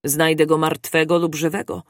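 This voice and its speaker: A reader voicing a calm, composed English gentleman who speaks in a measured, even way. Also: medium pitch, dry recording, clean studio sound, close to an everyday voice. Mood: calm resolve. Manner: measured and cool.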